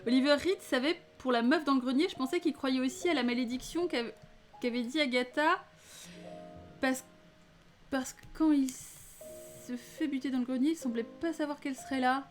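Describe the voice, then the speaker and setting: A woman from France giving a casual, chatty film debrief, laughing often and filling pauses with hesitations. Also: high voice. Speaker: film reviewer. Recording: faint music behind.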